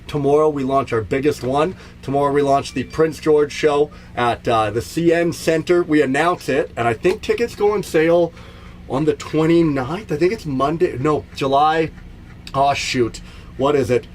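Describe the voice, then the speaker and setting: This middle-aged Canadian man rambles through a self-mocking comedy podcast monologue, telling stories while staying in an RV in Jasper. His pitch is fairly high, his pace normal, and a little hiss or hum sits under the recording. He laughs at his own bits as he goes.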